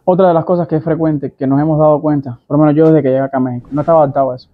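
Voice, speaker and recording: A man's voice: on the high side, steady tone, rapid-fire, dry recording, phone-quality sound. A young man with a Cuban Spanish accent, talking casually to camera as a vlogger and explaining things with many asides and examples. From Cuba.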